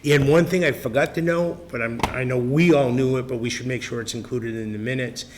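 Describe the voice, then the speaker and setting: A man chairs a town finance committee meeting, chatting and thinking aloud in a medium-pitched, fairly even voice at a fairly quick pace. It's a public access recording with faint noise.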